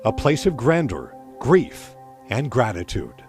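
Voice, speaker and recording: A man narrating a TV news report in a measured, dramatic scripted delivery. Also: mid-range voice, wildly swooping pitch, darkish tone, soft background music.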